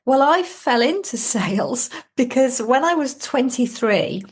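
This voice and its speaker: A woman's voice: high-pitched, lively intonation, measured pace, husky. A woman from Wales, a sales coach, telling her story as a guest on a video call in a reflective way. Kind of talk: casual interview on a call.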